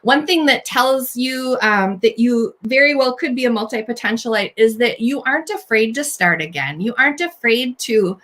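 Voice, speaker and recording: A woman with a fairly high voice hosts a faith-based encouragement talk for women. She sounds earnest and warm, and she speaks directly to her listeners. She reassures them, almost as if coaching a friend. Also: expressive, moderate pace, few pauses. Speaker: host.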